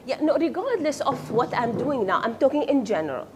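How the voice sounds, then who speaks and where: With a high, sing-song voice and a brisk pace, an Arabic-speaking woman lectures her class, asking students questions and then complimenting their replies. Background noise can be heard.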